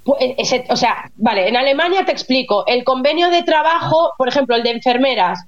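A woman with a high, bright-pitched voice chats as a radio guest, explaining things with lively energy. She comes through a dull, lo-fi remote line that softens her. Her delivery is casual and talkative. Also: a little fast. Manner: animated, chatty explaining. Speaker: guest, nurse living in Germany. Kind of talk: casual radio interview chat.

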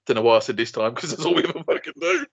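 Very fast and husky with vocal fry and huge pitch swings, this medium-pitched voice belongs to a young podcast co-host. He banters casually, spinning rambling, profane stories and laughing a lot, all in a dull, dry lo-fi recording.

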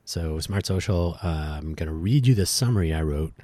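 A man's voice: low voice, lively intonation, normal speed, mellow, dry recording. A man hosting a solo podcast, rambling and correcting himself with wry asides, his voice dulled by allergies. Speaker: podcast host.

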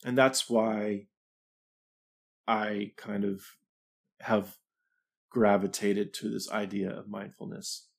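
A man's voice: on the low side, little pitch movement, takes it slowly, gravelly, pauses often. A middle-aged man hosting a livestream, talking casually and reflectively, with fillers and restarts. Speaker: livestream host.

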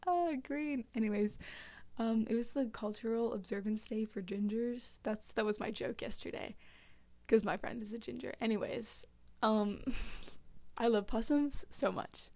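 A woman's voice: on the high side, unhurried, a little mellow. A teenage girl chatting casually about a book she is reading, rambling and giggly, with lots of "like". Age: teens. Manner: rambling, giggly, heavy use of "like". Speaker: book vlogger.

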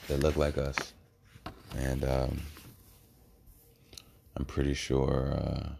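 A man giving a rambling, reflective monologue in a halting way, with trailing pauses. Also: rumbling low, monotone, vocal fry, warm tone, a little hiss or hum.

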